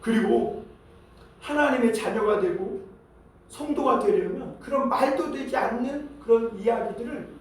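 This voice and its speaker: High-voiced male pastor in echoey hall. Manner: preaching to a congregation, reading scripture aloud with pauses. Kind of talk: sermon. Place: church sanctuary. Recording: very echoey church hall from far off.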